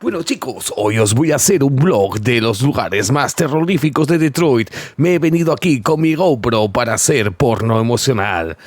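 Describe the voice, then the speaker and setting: A man's voice: medium pitch, expressive, fairly quick, hardly any pauses, dry recording, studio quality. Mock-dramatic vlogging man from Spain. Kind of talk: joking mock vlog narration over a game.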